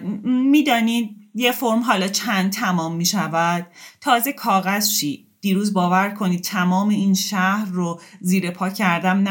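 Woman voicing a loud defensive man. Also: mid-range voice, pitched above the performer's own voice, lightly acted. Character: defensive man arguing about printing work.

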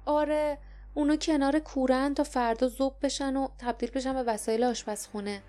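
A woman voicing an anxious young kitchen worker who speaks in a low, fearful hush. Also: close to an everyday voice. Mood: frightened.

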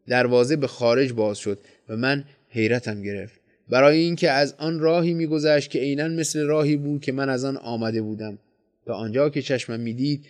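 Man with a measured storytelling voice. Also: medium pitch, darkish tone. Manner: measured, literary reading. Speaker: audiobook narrator. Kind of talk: scripted story narration.

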